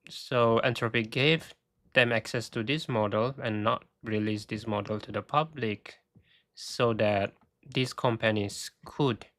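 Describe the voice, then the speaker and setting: A man hosting a casual screen-share walkthrough, thinking aloud with halting restarts, and he is losing his voice. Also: mid-range voice, fairly bright tone, dry recording, studio quality. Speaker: tech video host.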